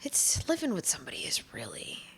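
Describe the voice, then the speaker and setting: Young woman podcast co-host, low voice, animated, blunt and sweary. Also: brisk, gravelly, whispered. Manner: candid, swears freely. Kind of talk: casual chat.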